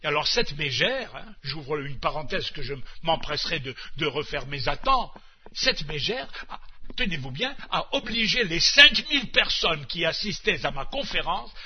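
A man's voice: a little high, very animated, normal speed. A man performing a comic stage monologue in a pompous, mock-lecturing manner. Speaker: comedian. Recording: muffled old radio recording.

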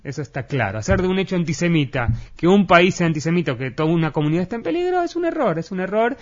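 A man's voice: sits high, sing-song, fast. A man from Argentina with an Argentine accent, explaining politics in an interview, hesitating often with fillers and restarts. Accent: Argentine Spanish. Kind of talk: analytical interview talk. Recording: muffled lo-fi recording.

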